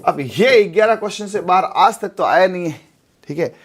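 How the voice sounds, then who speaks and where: High-voiced chatty teacher. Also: male voice, expressive, normal speed, husky. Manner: chatty, repeats tag questions like "theek hai". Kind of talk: live exam-prep lesson.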